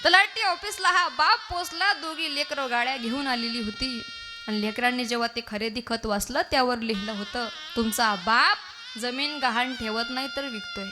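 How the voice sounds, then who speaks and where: Over music, a woman kirtan preacher tells an emotional devotional story, dramatically acting out the voices of the people quoted in it. Her voice is a little high and her pace moderate.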